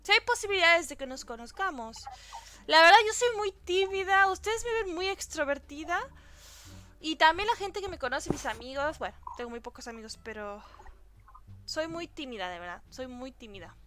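A woman's voice: high-pitched, animated, normal speed, sharp tone. A young woman from Santiago del Estero with that region's Argentine accent, a gaming YouTuber chatting casually and giggling as she reads out and answers fan questions. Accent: Santiago del Estero Argentine Spanish. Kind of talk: casual Q&A chat.

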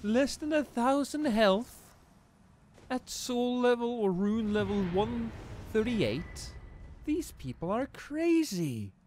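A man's voice: very high-pitched, sing-song, takes it slowly, darkish tone, a little hiss or hum. A man giving casual live gameplay commentary in a theatrical, playfully mock-threatening way. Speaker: gaming streamer.

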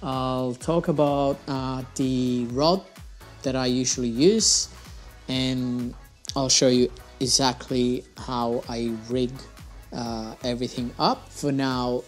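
A man's voice: mid-range voice, level tone, takes it slowly, faint music behind. A young man hosting his fishing channel, talking casually through his gear at a desk in a small room on a lapel mic, with slightly phrasing. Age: young adult. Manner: casual, chatty, slightly non-native phrasing. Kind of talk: gear review vlog.

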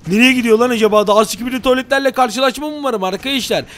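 A young man giving excited, loud gameplay commentary to his viewers, full of exclamations. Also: extremely high pitch, racing. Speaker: gaming YouTuber.

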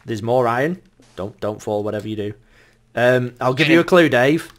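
A man's voice: mid-range voice, expressive, normal speed. A man chatting casually while playing a game with friends, teasing and laughing often. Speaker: gameplay commentator. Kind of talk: casual multiplayer game chat.

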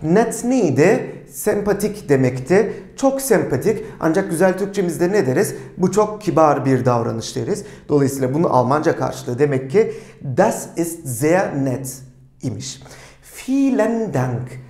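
A teacher in a recorded language lesson whose pitch rises and falls a lot, pronouncing example phrases slowly and deliberately. He keeps putting quick questions to the viewers and then answering them himself. The sound carries a roomy echo. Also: expressive, darkish tone. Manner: speaks German model phrases slowly and deliberately.

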